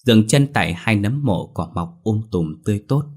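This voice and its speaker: A man narrating a scripted horror story in a measured storytelling manner. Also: on the low side, animated, darkish tone, breathy edge.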